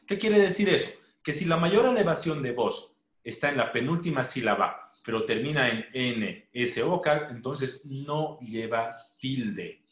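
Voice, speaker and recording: Male teacher, slow deliberate delivery, grammar lesson for kids, echoey room. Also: medium pitch, fairly bright tone. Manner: slow, deliberate, repeats words and asks "¿no?". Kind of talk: primary school grammar lesson.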